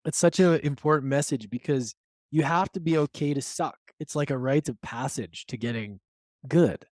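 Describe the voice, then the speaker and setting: A man's voice: mid-range voice, normal speed, a little mellow, no echo, clean studio sound. A man hosting a podcast, speaking enthusiastically and asking his guest probing questions. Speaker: podcast host. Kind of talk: casual interview.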